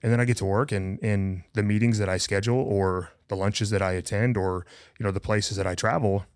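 A man's voice: on the low side, fairly even intonation, brisk, darkish tone, dry recording, studio quality. A man speaking earnestly and emphatically in a casual podcast conversation. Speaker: podcast co-host.

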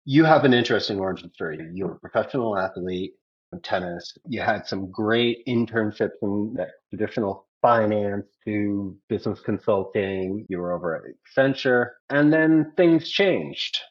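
Man, podcast host, very low voice, husky, upbeat, rambling questions, faint music behind. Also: normal speed, lo-fi sound. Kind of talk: podcast intro and interview questions.

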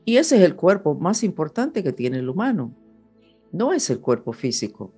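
Very animated yet warm and husky, her low voice keeps a moderate pace. The astrologer, a second-language Spanish speaker, gives an unscripted horoscope and spiritual talk to her audience over music.

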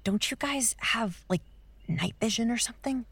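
A woman's voice: fairly high pitch, lively intonation, normal speed, gravelly, fairly bright tone, breathy edge, no echo, exaggerated voice. An actress playing a blunt, foul-mouthed young woman who leads the group with impatient exasperation. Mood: tense. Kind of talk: audio drama acting.

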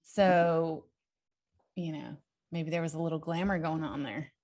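A young adult woman, a podcast co-host, excitedly recounting history from notes in a casual chat, prone to giggles. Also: low-pitched, unhurried.

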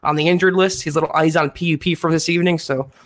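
A man with a slightly high voice co-hosts a live sports podcast. He talks casually and addresses the viewers directly. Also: steady tone, very fast, fairly bright tone. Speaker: podcast co-host.

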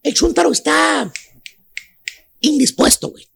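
Very high squeaky Chicano radio jokester. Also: male voice, measured pace, creaky, a bit bright, full character voice. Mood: mocking. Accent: Mexican-American Chicano. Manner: mocking, exclamatory, slangy. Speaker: radio comedy host. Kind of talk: animated comic rant with Spanglish slang.

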